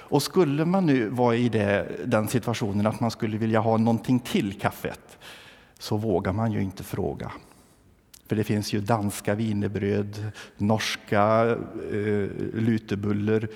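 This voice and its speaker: A man from southern Värmland, Sweden, preaches a humorous sermon in church, telling wry stories and putting questions to the congregation. His voice is on the low side, creaky and darkish, heard in a large hall.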